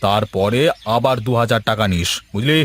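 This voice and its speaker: A man's voice: fairly low pitch, normal speed, fairly bright tone, pitched below the performer's own voice. A man voicing a greedy, threatening village landlord in a cartoon, with a sneering, bullying manner. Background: faint music.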